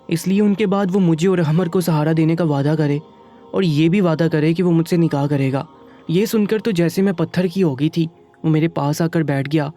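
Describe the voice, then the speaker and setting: A man narrating a first-person story in a steady, even reading manner. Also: fairly high pitch.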